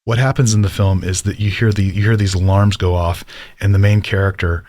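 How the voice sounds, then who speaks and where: A man's voice: sits low, steady tone, brisk, a little mellow, no echo, studio quality. A man teaching about storytelling in a casual lecture, rambling and enthusiastic with lots of fillers.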